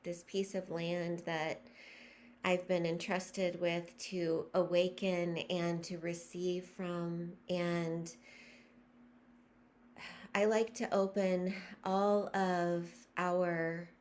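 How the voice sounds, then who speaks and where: Slow, soothing woman guiding a meditation. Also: fairly low pitch, little pitch movement, darkish tone. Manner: slow, soothing, breathy guidance. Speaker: spiritual guide. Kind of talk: guided meditation.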